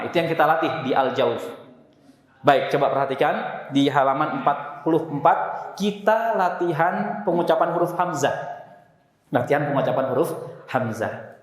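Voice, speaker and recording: A man leads a Quran recitation class for his congregation, keeping it relaxed and encouraging with the odd joke. His voice sits a little high for a man. A handheld mic carries it through a mosque hall that rings with long, heavy reverb.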